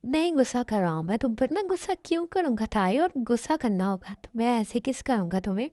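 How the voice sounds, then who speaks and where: A possessive young mafia boss, voiced by a woman, who switches from short-fused scolding to doting pet names. The voice sits a little high and sounds mellow and soft-edged. It is recorded close and dry, with no room sound. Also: very animated, fairly quick, dry recording. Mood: tender. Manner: scolding then sweet-talking, calls her "my darling". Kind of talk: Hindi fan-dub romance drama.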